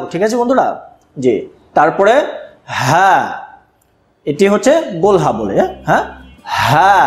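A man with a high voice teaches young children an online lesson. He speaks slowly and patiently and repeats each sound for them to say back. The room is echoey, with faint music underneath. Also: darkish tone.

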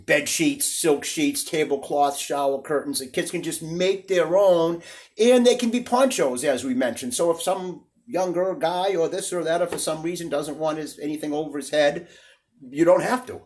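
A man's voice: on the high side, normal speed, a little mellow, breathy edge. An older man hosting a casual cooking vlog in his small apartment, rambling and chuckling as he talks. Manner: rambling, chatty, chuckles often. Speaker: cooking channel host.

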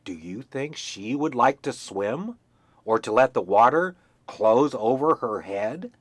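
Guy doing a bossy hen lady, shrill, scolds loud, voice jumps all over. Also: expressive, takes it slowly, no echo. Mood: scolding. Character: bossy, haughty hen, female.

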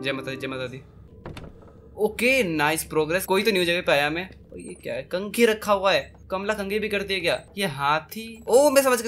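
Excitable young man, high bright voice. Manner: excitable, yelps and shouts at scares, talks to himself; mixes English into Hindi slang. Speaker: gaming streamer. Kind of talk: horror game commentary.

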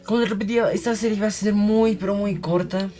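A man's voice: sits high, fairly even intonation, fast talker, dark tone, faint music behind. A young man, rambling in casual gameplay commentary and voicing digging sounds aloud. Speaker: gaming channel host.

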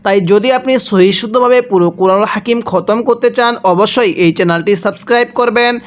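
A man teaching Quran reading, spelling out words and chanting them slowly for the listener to repeat. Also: sits high. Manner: drawn-out chanted recitation, asks and answers himself. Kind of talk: slow spelled-out recitation lesson.

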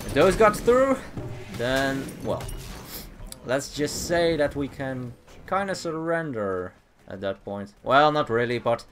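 A man hosting his gaming channel, giving casual play-by-play commentary with frequent chuckles and quick self-corrections. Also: mid-range voice. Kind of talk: live gameplay commentary. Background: game music.

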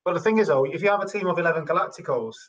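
A young man hosting a show talks very quickly in a slightly high voice. He builds long, emphatic points while interviewing a guest over a video call from an indoor room. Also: lively intonation, a bit bright, muffled recording. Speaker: show host.

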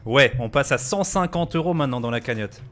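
A man streaming a game live, talking to chat and friends, excitable and swearing often. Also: medium pitch, brisk, slight background noise. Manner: excitable, swears a lot, shouts when laughing.

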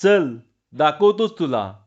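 A man's voice: fairly high pitch, sing-song, takes it slowly, darkish tone. Mischievous young prankster lad, sly and teasing, as a man reads him out, slightly raised and dull lo-fi.

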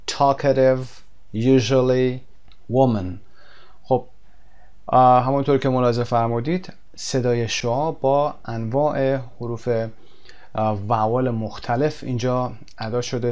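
A man teaching a recorded language lesson. He explains in quick bursts, pauses on fillers, and reads his example sentences slowly and carefully. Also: medium pitch, darkish tone. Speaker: English teacher.

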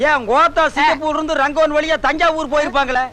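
A man's voice: extremely high pitch, fairly even intonation, bright, forceful tone. An actor playing a bossy, bragging village exorcist in a Tamil film comedy, scolding and mocking his assistant. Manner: scolding, mocking, quick-tongued.

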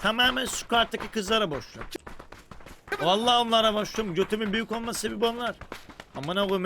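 A young man with a notably high voice runs live gaming commentary full of swearing and jokes. He swings between casual chatter and theatrical angry shouting. Clear music plays behind him. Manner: profane, joking, swings into mock-angry shouting. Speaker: game streamer.

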